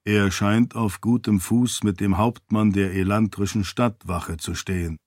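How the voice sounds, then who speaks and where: A man reading an audiobook, voicing a loyal floating spirit servant who speaks in a measured, deferential way. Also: fairly low pitch, steady tone, darkish tone, no room sound, studio quality, natural voice. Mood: calm. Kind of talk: audiobook character voice.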